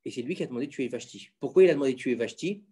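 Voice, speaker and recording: A man explaining religious stories to his children in a casual home lesson, animated and quizzing them with questions. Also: medium pitch, rapid-fire, crowd noise. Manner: insistent, keeps the floor. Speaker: father teaching his children.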